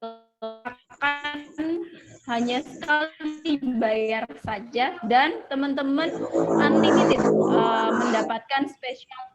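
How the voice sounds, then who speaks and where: A woman's voice: a little high, huge pitch swings, takes it slowly, music in the background, rough recording. A woman tutor announcing a course offer over an online class, her voice coming through choppy and delayed, with frequent hesitant fillers. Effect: choppy, lagging online call audio. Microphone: video call.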